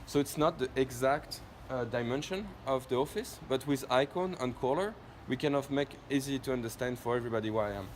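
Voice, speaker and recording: This company presenter talks fairly quickly with few pauses, in a mid-range voice carrying a French accent, during an informal product demo. He explains each step and habitually ends points with tag questions to see if listeners are following. Loud background noise and echo mark the recording.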